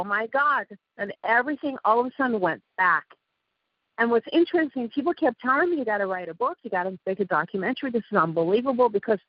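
As a guest in a casual interview, an Iranian woman with an Iranian accent tells her story in a rambling way. Her voice is a little high, with a slight lisp caused by missing front teeth, and the dull lo-fi call audio has no echo.

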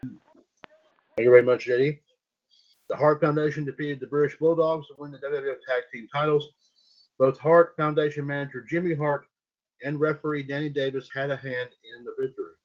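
A man's voice: a little high, fairly even intonation, normal speed. Folksy male radio host, lo-fi sound. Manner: folksy, repeats himself, lots of fillers. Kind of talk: casual internet radio hosting. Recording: dull lo-fi internet radio audio.

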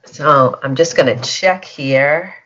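Taking it slowly, a medium-pitched, slightly bright voice soothes listeners through a guided energy-healing session and has them repeat statements. It is recorded on a dull, lo-fi teleconference line.

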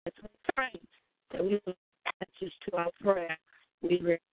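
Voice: medium pitch, steady tone, normal speed, dry recording. A prayer line leader praying earnestly over a phone call whose bad reception breaks up the voice in choppy dropouts. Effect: phone signal breaking up, choppy dropouts. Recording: tinny dry phone line.

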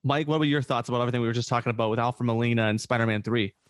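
A man hosting a casual podcast chat, excitable, swearing casually and laughing often. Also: medium pitch, rapid-fire, no echo. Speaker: podcast host.

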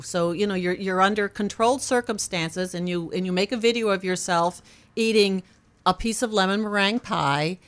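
A woman guest on a radio show, giving cheerful, encouraging advice in a casual chat and laughing easily. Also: mid-range voice. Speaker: weight loss program manager, radio guest.

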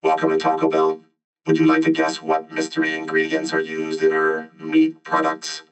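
Deep monotone robot-filter drive-through bot; deadpan, no pitch movement. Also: male voice, normal speed, lo-fi sound, over music. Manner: flat, monotone robotic delivery. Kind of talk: comic bit in commentary talk show.

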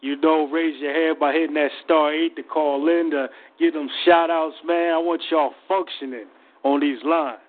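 Slangy male radio host, higher-pitched, phone-like sound. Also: fairly even intonation, moderate pace. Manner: encouraging, slangy. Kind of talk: casual, hyped call-in hosting. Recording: narrow phone-like radio stream.

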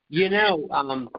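A man's voice: a little high, creaky. A middle-aged man speaking as a guest author on a community call, easygoing and laughing along. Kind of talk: casual call-in chat. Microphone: call audio. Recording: muffled call audio.

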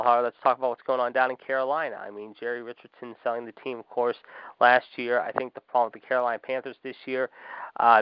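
A man hosts a sports talk show, delivering emphatic opinions in a smooth, clear voice, leaning on fillers and a habitual "however". The recording is dry and slightly dull, like a modest home setup. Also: mid-range voice, no echo. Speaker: podcast host. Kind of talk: opinionated sports commentary monologue.

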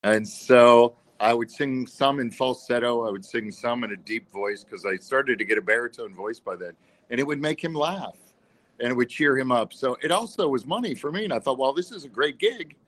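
A man's voice: mid-range voice, normal speed, a bit bright, rough recording. A man, a singer, guesting on a radio show and telling stories about his career with light jokes. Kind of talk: casual interview.

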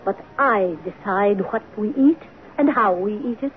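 An actress playing a cold, domineering stepmother in an old radio drama, speaking in crisp, clipped commands. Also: medium pitch, a little slow, lightly acted. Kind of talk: 1940s radio acting. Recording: tinny old radio broadcast with hiss.

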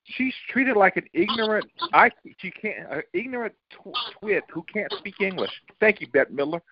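A man's voice: high-pitched, expressive, normal speed, noisy background. A man on a political talk panel who argues emphatically and often restarts his sentences. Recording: dull lo-fi dry recording.

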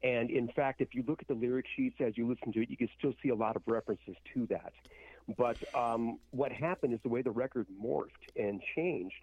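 Slightly muffled dry sound, man, mid-pitched voice, casual interview storytelling, candid. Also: a little fast, breathy edge. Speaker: band singer, interview guest. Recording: slightly dull, dry audio.

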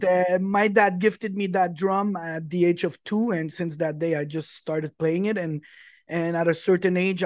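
A man's voice: on the high side, no echo, clean studio sound. A man from Quebec, a musician guest on a talk show, eagerly telling long stories about his career. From Quebec, Canada. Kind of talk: casual interview chat.

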